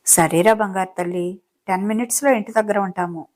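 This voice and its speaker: A woman's voice: medium pitch, brisk, a little mellow, close to an everyday voice. A woman voicing a rich young man in a romance audiobook, speaking with affectionate, playful coaxing. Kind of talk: audiobook character reading.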